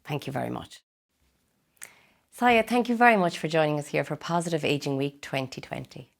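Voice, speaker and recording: Low, creaky-voiced woman interviewer. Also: expressive, moderate pace. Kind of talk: interview questions.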